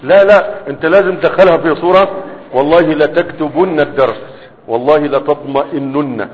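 Egyptian teacher drilling grammar in a hall. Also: male voice, a little high, narrow, tinny audio. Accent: Egyptian Arabic. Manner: drills verb forms slowly, checking with "right?" and "huh?". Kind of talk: live grammar lesson to students.

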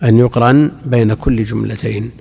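Gravelly man lecturing in a reverberant hall. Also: mid-range voice, steady tone, fairly quick, warm tone. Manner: explanatory, repeats phrases while reciting examples. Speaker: religious scholar teaching. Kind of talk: lecture on religious law and grammar. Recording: long reverb of a large hall.

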